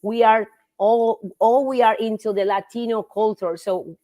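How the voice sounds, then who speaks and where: This native Spanish speaker, a middle-aged woman from Costa Rica with a Costa Rican accent, has a voice on the high side and a steady tone. Talking about her teaching in a casual interview, she's warm, often pausing to search for words, with frequent fillers.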